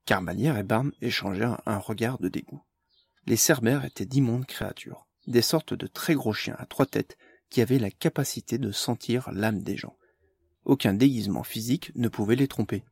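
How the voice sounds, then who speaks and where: A man narrating an audiobook in an even, measured way. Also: mid-range voice, vocal fry, breathy edge, no room sound, studio quality.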